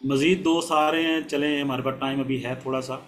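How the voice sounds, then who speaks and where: A man hosting an online session, greeting each listener politely by name and pausing to sound out the names he finds hard. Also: medium pitch, steady tone, a bit bright, a little hiss or hum. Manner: polite and courteous, ends phrases with "ji" and sounds out names slowly. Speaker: host of an online motivational session. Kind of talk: casual live-session welcome.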